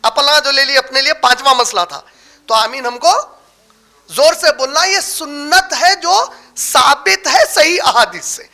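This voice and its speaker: A male Islamic preacher, his very high voice pushed and bright, lectures on the rulings of prayer. He explains each term in sequence, answers rhetorical questions he poses himself, and slows down when stressing key words.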